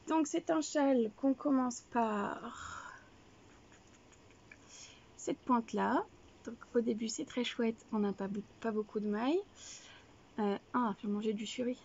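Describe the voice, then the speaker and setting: A woman's voice: a little high, unhurried, vocal fry, pauses often, a little mellow, slightly rough, highs cut off. A young woman hosting a knitting video podcast, chatting casually and rambling with many fillers and self-corrections. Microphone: camera, showing items to viewers.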